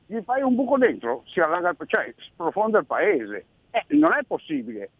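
A man's voice: sits high, wildly swooping pitch, moderate pace, vocal fry, breathy edge, no echo. A man calling into a radio show over a phone line, talking in an emphatic, insistent way and listing his points one by one. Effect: heard over a phone line into a radio show.

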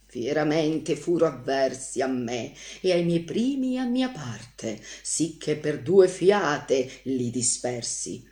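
A woman reading the lines of a proud, scornful old male warrior shade in a haughty, measured declamation. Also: deep voice, very animated, warm tone, echoey room, full character voice.

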